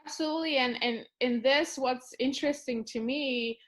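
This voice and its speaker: A woman interviewing a guest, her voice sitting a little higher than usual. She speaks conversationally, affirming the guest's points before posing her next question. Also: moderate pace, a bit bright.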